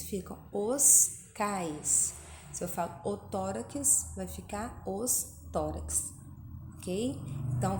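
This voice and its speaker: A woman teacher giving a video grammar lesson to children, patient and slowing down over each example word while often checking that they follow. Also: medium pitch, background noise. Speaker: primary school teacher. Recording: echoey room with faint ambience.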